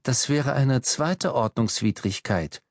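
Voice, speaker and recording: A man reading an audiobook, voicing a cool, formal female traffic warden who answers flatly and politely. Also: medium pitch, slow, vocal fry, no echo, clean studio sound, full character voice.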